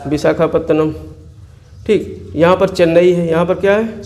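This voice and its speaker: A man's voice: fairly high pitch, fairly even intonation, normal speed, darkish tone. A male tutor from walks students through exam map work. He keeps asking questions and answering them himself, repeating every place name so it sticks. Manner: repeats key place names for drilling. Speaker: teacher.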